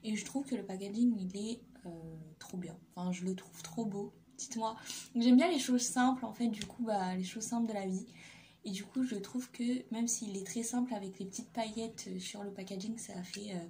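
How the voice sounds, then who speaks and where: A woman's voice: medium pitch, fairly even intonation, normal speed, warm tone, slight background noise. A young woman casually reviewing nail polish in a vlog, hesitant and full of fillers and repeats. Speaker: beauty vlogger.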